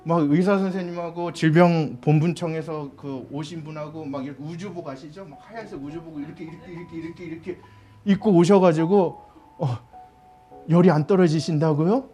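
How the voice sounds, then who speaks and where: A middle-aged man preaching a sermon in a church, telling his story and acting out other people's words. His voice sits a little high but sounds mellow and dark. Faint guitar plays softly beneath him. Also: fairly even intonation, fairly quick, muffled recording. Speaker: pastor. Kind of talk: sermon with personal testimony.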